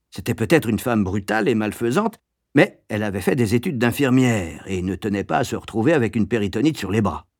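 A man reads a memoir aloud with an animated, lively voice that rises and falls widely. His tone sits at a medium pitch. The recording is dry and close. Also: no room sound. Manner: expressive, lively storytelling. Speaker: narrator. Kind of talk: audiobook narration of a memoir.

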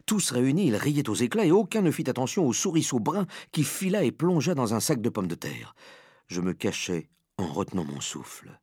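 A man reading a children's story aloud with dramatic, expressive first-person narration. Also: medium pitch, normal speed, husky, no echo, clean studio sound. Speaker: audiobook reader.

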